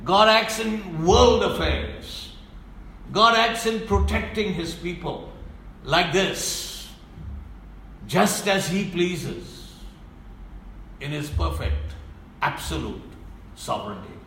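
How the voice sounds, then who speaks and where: Slow, gravelly, stern male preacher. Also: lively intonation, sharp tone, roomy sound, slight background noise, rough recording. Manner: emphatic and stern, with sweeping drops to a low voice. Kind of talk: sermon.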